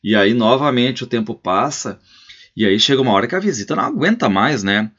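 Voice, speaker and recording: A man's voice: mid-range voice, animated, fairly quick, a bit bright. Male teacher explaining a story. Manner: explanatory, frequent tag questions. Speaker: literature teacher. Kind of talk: literature lesson, reading and explaining a story. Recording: slightly muffled lo-fi recording.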